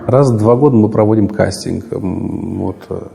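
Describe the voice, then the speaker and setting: A man's voice: fairly low pitch, moderate pace, gravelly, mellow, long reverb tail. A man who founded a theater, speaking in an interview, hesitant and full of fillers.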